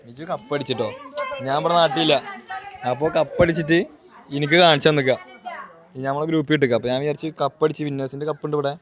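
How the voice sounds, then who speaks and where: A man hosts a casual family vlog, his voice hoarse and strained. He talks playfully and teases the relatives around him. His voice sits a little high for a man. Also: steady tone, fast talker. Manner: playful, teasing, eggs people on. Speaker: vlogger host.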